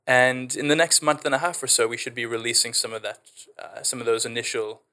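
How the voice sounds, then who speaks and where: A man's voice: mid-range voice, level tone, fairly quick, pushed and bright. A man with a Canadian South African accent, an edtech founder explaining his work in a podcast interview with eager, fluent enthusiasm.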